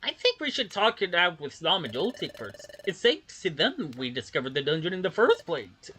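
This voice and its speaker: A player reading video game dialogue aloud with casual, expressive delivery. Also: mid-range voice, normal speed, slight background noise.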